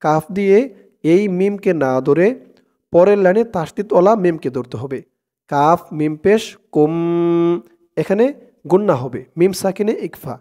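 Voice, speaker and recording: A man with a Bangladeshi Bengali accent teaching Quran reading, chanting verses slowly and then breaking the words into syllables. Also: high voice, dark tone. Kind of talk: slow step-by-step recitation lesson.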